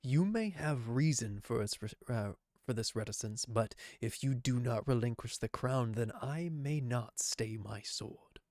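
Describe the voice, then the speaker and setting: Casting: a man as a grave, honorable game swordsman; low, gravelly growl, formal old-fashioned threats. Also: lively intonation, a little slow, hardly any pauses, a little mellow, no echo, studio quality. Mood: solemn warning. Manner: grave, archaic, formal delivery. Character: stern, honorable swordsman reading out threats to a knight. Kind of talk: video game dialogue read aloud.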